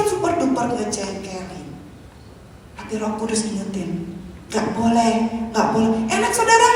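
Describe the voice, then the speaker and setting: A young woman evangelist with an Indonesian accent preaching a sermon, lively, swinging between loud and soft and acting out quoted voices. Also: high voice, slight background noise. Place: large church hall. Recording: echoey hall from far off.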